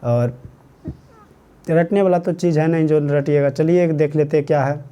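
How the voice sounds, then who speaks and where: A young male teacher with a Bihari Hindi accent walks students through exam material. His voice sits a little high but sounds soft and mellow. He keeps asking rhetorical questions and then answering them himself. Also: normal speed, clear, resonant tone. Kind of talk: exam-prep lesson explaining a story.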